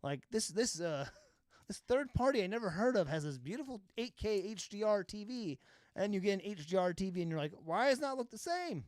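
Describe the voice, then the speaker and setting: Man, casual live-stream talk, rambling, swears, bright-ish pitch, dry room. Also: animated, fairly quick, no echo. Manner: rambling, filler-heavy, swears and laughs often. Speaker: filmmaker live-streaming his color grading.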